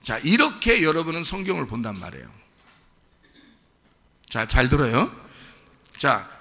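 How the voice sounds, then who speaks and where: A male pastor delivers a conversational sermon, his voice bright and slightly gravelly, rising and falling in lively swings. He keeps checking in with the congregation through questions. The sound trails off in the long reverb of a church sanctuary. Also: a little high, a little slow.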